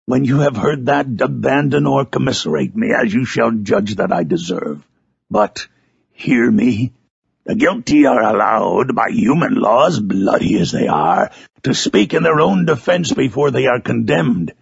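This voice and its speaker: A man voicing a wretched, eloquent monster in a Gothic novel, pleading with theatrical, archaic passion in a gravelly, raspy voice. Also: mid-range voice, measured pace, no room sound, heavily acted. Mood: imploring, accusing. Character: wretched, eloquent, vengeful male monster pleading with his creator. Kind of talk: dramatic reading of a Gothic novel.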